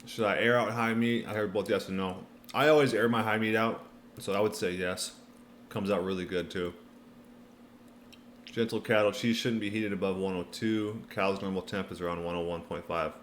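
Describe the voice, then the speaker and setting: A man's voice: lowish voice, fairly even intonation, moderate pace, slight background noise. A man hosting a casual livestream Q&A, talking in a laid-back, colloquial way as he reads and answers viewer comments. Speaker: livestream host.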